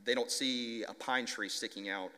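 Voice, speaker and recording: A young man who stutters, slowly reading a children's story aloud to a conference audience. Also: mid-range voice, fairly even intonation, pushed and bright, clear, resonant tone. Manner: stutters, slow deliberate reading. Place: conference hall. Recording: long reverb of a large hall.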